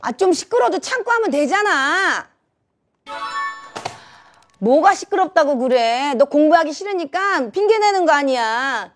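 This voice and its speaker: A woman's voice: high voice, sing-song, a little slow, pauses often, soft background music. A woman as a Korean mother talking to her child. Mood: scolding. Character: mother answering her child, shifting from scolding to understanding.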